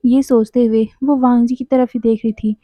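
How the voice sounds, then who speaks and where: High-voiced female storyteller, expressive and chatty, dull lo-fi recording. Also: moderate pace, no echo. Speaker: story narrator. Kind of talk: story retelling narration. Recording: dry, dull lo-fi sound.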